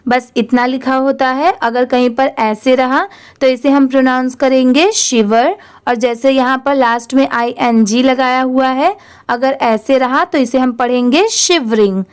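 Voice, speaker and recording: A young woman with an Indian accent, her voice high and smooth, leads a slow English reading lesson. She spells each word letter by letter, then asks her class how to pronounce it and answers herself. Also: fairly even intonation.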